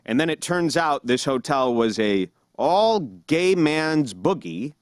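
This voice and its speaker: A man hosting a podcast, telling stories in casual chat and jumping high in pitch when he mimics other people. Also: sing-song, slow, no echo, clean studio sound. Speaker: podcast host.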